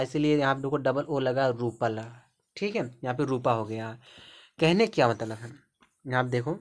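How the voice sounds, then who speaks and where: A man teaching a spelling lesson, patiently spelling out words letter by letter. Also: mid-range voice. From India. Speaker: English teacher.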